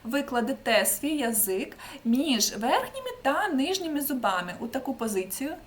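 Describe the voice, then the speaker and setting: Patient woman teaching pronunciation, fairly high. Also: very animated, a little hiss or hum. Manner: patient, demonstrates sounds slowly, checks in with "okay?". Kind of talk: online pronunciation lesson.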